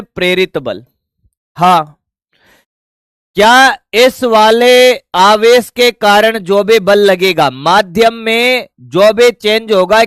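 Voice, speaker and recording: A man with a high, smooth voice teaching physics at an unhurried pace. He keeps firing questions at the class and answering them himself, with a casual, familiar way of addressing the students. The sound is dry and close. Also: a bit bright, no echo. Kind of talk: physics lesson.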